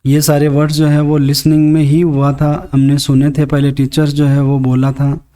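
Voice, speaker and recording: A man teaches a class worksheet, patiently walking through each sentence in Hindi. His voice sits a little high yet sounds mellow and relaxed. He reads the English lines slowly before translating them. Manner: patient, step-by-step explaining. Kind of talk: worksheet lesson explained in Hindi.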